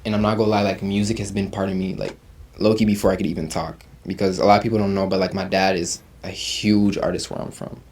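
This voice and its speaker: A low-pitched, fast-talking young man, this Ugandan rapper in his twenties keeps the interview conversation casual. Slang runs all through his relaxed speech, along with plenty of "you feel me."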